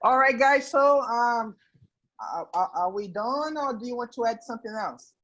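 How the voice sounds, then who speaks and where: A woman's voice: a little high, animated, moderate pace, a bit bright, muffled recording. A woman casually moderating an online group live stream as its host. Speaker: meeting host.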